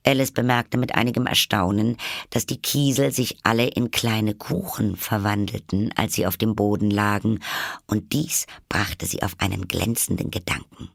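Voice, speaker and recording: A man reading a storybook aloud in a lively, expressive way. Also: on the low side, normal speed, gravelly, no room sound, clean studio sound. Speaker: audiobook reader. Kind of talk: storybook narration.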